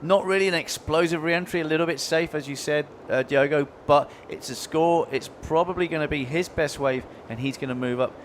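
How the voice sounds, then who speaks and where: A man's voice: on the high side, fairly quick, hardly any pauses. Laid-back male surf commentator, faint background noise. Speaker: surfing colour commentator. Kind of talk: live sports commentary, conversational analysis.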